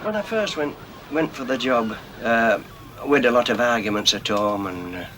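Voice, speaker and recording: A man's voice: medium pitch, lively intonation, moderate pace, very noisy. A man, a coal miner talking plainly for an old documentary, his broad local speech full of little asides. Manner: plain-spoken, broad local speech, nervous before going on. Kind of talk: documentary interview.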